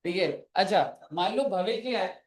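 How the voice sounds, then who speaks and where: A man with an Indian accent and a high-sitting voice lectures a class at an unhurried pace, mixing Hindi and English and joking with students. Recorded on a phone from far off, the classroom sounds echoey.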